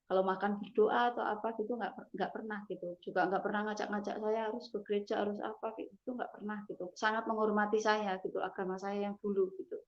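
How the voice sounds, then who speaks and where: A woman giving a personal testimony, speaking in a halting, emotional way. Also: medium pitch, dull audio. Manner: halting, emotional, frequent "gitu loh". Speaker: testimony giver.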